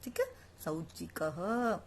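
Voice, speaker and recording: A woman's voice: on the low side, drawn-out words. A woman teaching a Sanskrit lesson online, explaining each word and then repeating it, asking the class questions and answering them herself.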